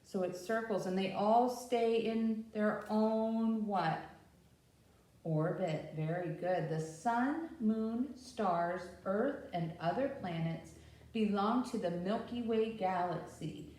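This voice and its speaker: A woman leads an interactive children's storytime, reading aloud, teaching through simple explanations and frequently asking the children questions. Her mid-range voice is slow and dark-toned. The recording comes from a very echoey room with a distant microphone.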